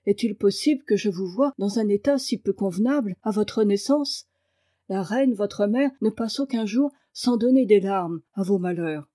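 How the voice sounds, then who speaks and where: A woman's voice: mid-range voice, normal speed, warm tone, close to an everyday voice. Woman reading as a wary young maiden. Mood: dismayed. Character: young frightened noble girl. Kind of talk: read-aloud fairy tale.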